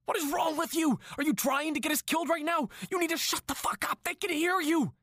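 A man voicing a desperate, volatile captor who pleads softly and then screams in rage, in an audio drama. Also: mid-range voice, brisk, no echo, studio quality, natural voice. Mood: furious. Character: desperate man holding a woman captive, volatile.

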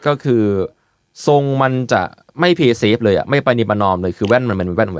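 A man hosting a casual podcast chat, explaining product details in a relaxed way with many fillers. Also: on the low side, normal speed, no echo, clean studio sound. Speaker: podcast host presenting eyewear.

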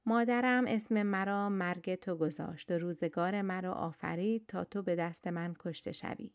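A woman voicing a mighty, mocking male hero warrior in a told story, in a low, even storybook voice. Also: smooth, dry recording, clean studio sound, close to an everyday voice.

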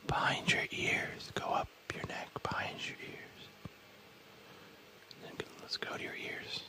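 Slow whispering man guiding relaxation. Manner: soft, slow, soothing instructions with casual asides. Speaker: ASMR host. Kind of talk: whispered guided body-scan relaxation.

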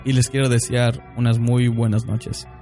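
A man's voice: mid-range voice, level tone, moderate pace, mellow, soft background music. A man hosting a podcast of paranormal stories, speaking plainly with slight restarts. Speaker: podcast host. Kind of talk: podcast outro.

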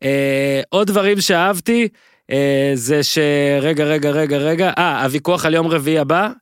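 A man co-hosting a podcast, talking in a rambling, excitable way and gushing with repeats. His voice sits a little high, and the sound is close and dry, with no room echo. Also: smooth. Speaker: podcast co-host. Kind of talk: casual chat.

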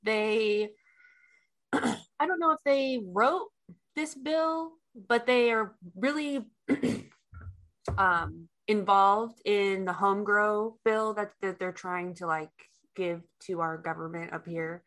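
A woman co-hosting a casual podcast chat, talking in an unhurried, conversational way. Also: mid-range voice, a bit bright. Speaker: co-host.

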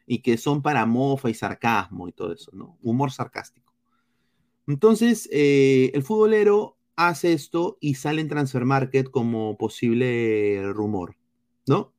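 A man's voice: mid-range voice, darkish tone. A man with a Peruvian Spanish accent hosting casual football talk, blunt and heated, full of crude slang.

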